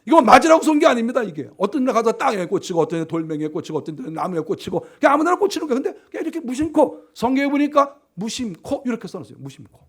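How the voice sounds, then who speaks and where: Man preaching, high and wildly varied voice, dramatizes scenes with shouts and quiet asides. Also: big pitch swings, racing, hardly any pauses, breathy edge. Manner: acts out characters with shouts and laughs, then drops to a low hush. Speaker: pastor. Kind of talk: animated sermon storytelling.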